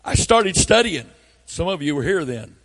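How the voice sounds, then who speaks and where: An older man, a pastor, preaching a sermon with earnest, repetitive storytelling that builds from hushed tones to near-shouting. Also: on the high side, big pitch swings, normal speed.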